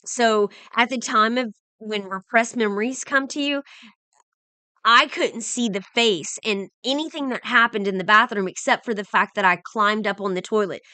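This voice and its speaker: A woman's voice: fairly high pitch, normal speed, bright, forceful tone, smooth, no room sound. A middle-aged woman telling a personal story, earnest and emotional, often restarting her sentences. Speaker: vlogger.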